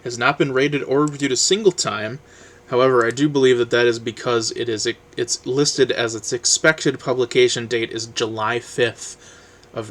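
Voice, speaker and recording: A man vlogging about books in a rambling, casual way, full of ums and trailing off quietly. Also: mid-range voice. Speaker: book vlogger. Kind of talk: casual book review chat, reading blurbs aloud.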